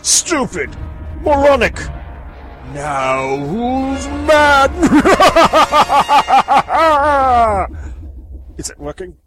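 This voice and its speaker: Man playing a high, theatrical mad scientist. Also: animated, normal speed, music in the background, natural voice. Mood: impatient. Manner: pompous, melodramatic, cackling. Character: ranting theatrical male mad scientist, vain and excitable. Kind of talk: comic horror parody audio drama.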